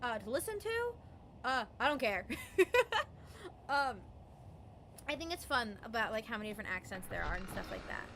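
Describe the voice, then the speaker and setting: A young adult game streamer speaks at normal speed in a sing-song, mid-range voice that's a bit bright, pausing often. Rambling casual live-stream chat loaded with "um" and "like" mixes with playful voices and mimicry, and slight background noise is present.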